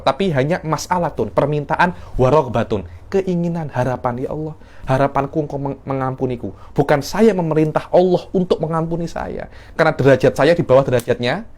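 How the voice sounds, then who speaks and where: A man's voice: fairly high pitch, darkish tone. Man teaching a text. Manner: explains in a mix of Malay and Arabic terms, with acted examples. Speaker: teacher of Islamic legal theory. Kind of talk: classroom text lesson.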